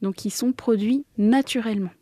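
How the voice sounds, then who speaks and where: As a guest in an informal radio interview, a woman who organises an agricultural association explains things in a simple, teacherly way. Her slightly high, mellow voice keeps a moderate pace, recorded close and dry for a radio workshop.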